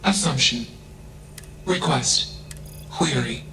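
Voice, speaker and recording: Game casting: an emotionless AI that announces its own statements, gravelly edge, echoey and noisy recording. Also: male voice, mid-range voice, slow. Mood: detached. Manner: emotionless, clipped statements each announced by a label word. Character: emotionless male ship AI, cold and detached. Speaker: hostile ship AI. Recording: echoey with background noise.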